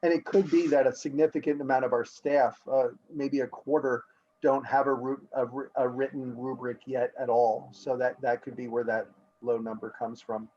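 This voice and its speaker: A man of middling pitch explains how teachers are evaluated, talking conversationally and giving everyday examples. He often restarts his words, and the audio sounds slightly muffled. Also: little pitch movement, normal speed, darkish tone. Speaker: school administrator. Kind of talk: explaining in a meeting.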